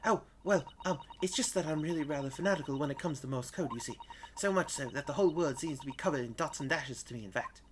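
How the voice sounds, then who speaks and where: A man's voice: on the high side, fast talker, noisy background, natural voice. A man voicing a polite young woman assistant in a courtroom video game, stammering hesitantly.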